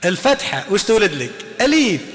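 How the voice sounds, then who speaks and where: A man giving an informal recitation lesson, chanting quoted readings slowly and answering students. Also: high-pitched, big pitch swings, fairly bright tone. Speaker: teacher of Quran recitation. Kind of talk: classroom lesson explaining recitation. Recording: long hall reverb.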